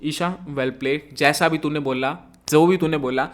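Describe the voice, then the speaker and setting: A man's voice: a little high, fairly even intonation, measured pace. A man giving a heated, indignant review of a reality show episode, dropping English phrases into his talk. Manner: mixes English phrases into Hindi. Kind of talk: casual review commentary.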